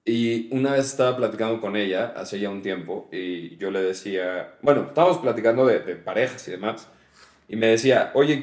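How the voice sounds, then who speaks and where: A man's voice: lowish voice, darkish tone. A young man with a Mexican Spanish accent co-hosting a podcast, telling stories in a laid-back way and laughing often. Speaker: podcast co-host. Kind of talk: casual chat. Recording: echoey room.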